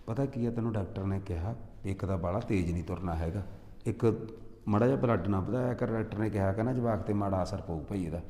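A man's voice: fairly low pitch, fast talker, dark tone, reverberant, in a large hall, lightly acted. A man playing a coaxing, placating young husband. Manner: coaxing, soothing, pleading. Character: young husband, placating, caught between wife and mother. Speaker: husband and son.

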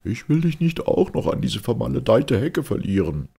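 Man voicing a sarcastic agitated gentleman, loud raised voice, husky gravelly tone, audiobook reading. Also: medium pitch, sing-song, moderate pace, pitched above the performer's own voice, full character voice. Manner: agitated, sarcastic, raising his voice.

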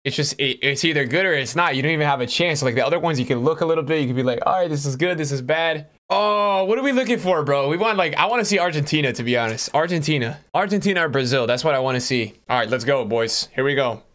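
A man's voice: fairly high pitch, lively intonation, quick pace, few pauses, fairly bright tone. A young man, chatting casually on a game livestream in frat-bro slang, full of bro, dude and man. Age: young adult. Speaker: game streamer. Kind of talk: casual livestream chat while opening game packs. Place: small room indoors.

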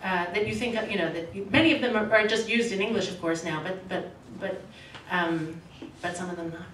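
A woman novelist at a podium reads with care and expression, then takes casual questions, halting and correcting herself; she grew up in Australia, Canada and the States and has a medium-pitched voice. The small indoor event room has a red curtain, and her podium mic is recorded from a far camera, leaving her distant in a roomy hall with faint hiss.

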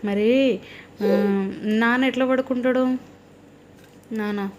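A woman's voice: fairly high pitch, fairly even intonation, takes it slowly, muffled recording, a little hiss or hum. A young mother, playfully coaxing and teasing her toddler at home at night in sing-song baby talk.

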